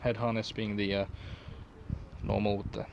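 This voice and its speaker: A man's voice: lowish voice, level tone, normal speed, creaky, highs cut off, slight background noise. A man giving a casual, unscripted product review in a rambling, offhand, sweary way. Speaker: collector and reseller reviewing gas masks.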